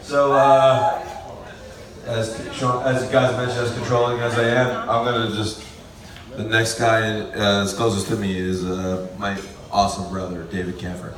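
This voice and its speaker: Man, groom, informal wedding speech, halting delivery, distant mic, crowd around. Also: fairly low pitch, level tone, roomy sound. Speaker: groom introducing his best men.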